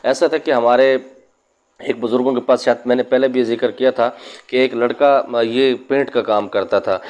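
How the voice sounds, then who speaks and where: A man's voice: medium pitch, fairly even intonation, a little mellow. A man, a spiritual healer, speaking indoors and giving earnest, cautionary religious advice to his viewers, with stories from his own practice. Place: indoor room.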